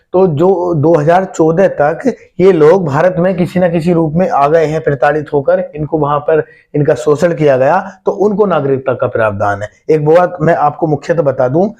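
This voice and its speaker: A man's voice: a little high, darkish tone. A man giving an exam-prep lesson, asking the listeners questions and repeating key points, calling them brother and friends. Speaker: teacher.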